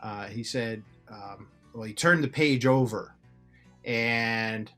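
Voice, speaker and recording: A man co-hosting a music talk show, recounting at length with hesitant, halting phrasing. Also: mid-range voice, fairly bright tone. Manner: hesitant, many fillers and restarts while recounting. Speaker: podcast co-host. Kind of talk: casual chat.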